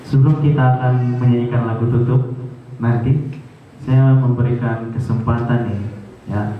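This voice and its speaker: A man hosting a church program in an earnest, measured way, pressing hard on key words. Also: medium pitch, fairly even intonation, slight background noise. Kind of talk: sermon-style exhortation. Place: church sanctuary. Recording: echoey church hall from far off, muffled.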